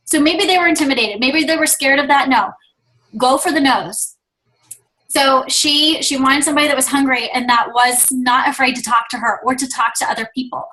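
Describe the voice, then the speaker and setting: High-pitched woman, top-rank distributor, chatty pep talk over video call. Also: brisk, bright, forceful tone, low-quality recording. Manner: chatty storytelling, quotes others in their voices. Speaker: guest speaker, top-ranking distributor.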